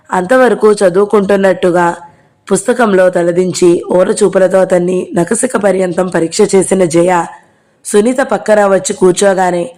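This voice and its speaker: A woman's voice: medium pitch, darkish tone. A woman narrating a novel as an audiobook, reading the dialogue of each character in her own voice.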